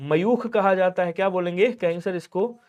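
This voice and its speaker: High-voiced man drilling exam vocabulary. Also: moderate pace, a little mellow, muffled recording. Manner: repetitive, drills words and keeps saying to remember them; addresses students directly, asks and answers his own questions. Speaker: teacher. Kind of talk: exam-prep grammar lesson.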